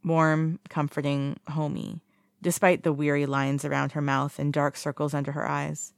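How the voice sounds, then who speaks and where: Brief: an audiobook narrator with a gravelly edge, reading casually, dry close recording. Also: mid-range voice, flat delivery, moderate pace, no room sound. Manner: casual reading with small slips and self-corrections. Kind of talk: fan fiction audiobook reading.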